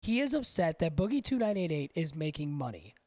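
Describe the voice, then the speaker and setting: A man's voice: a little high, sing-song, a little fast, a little mellow, dry recording. A male podcast host giving casual, profane, exasperated reaction commentary.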